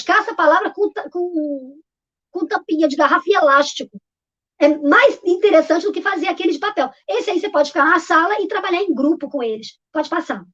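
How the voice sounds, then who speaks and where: Her high-pitched, fairly bright voice comes through dull lo-fi audio as this Brazilian Portuguese-accented literacy teacher describes classroom games in a live online session, full of fillers and restarts in an informal style.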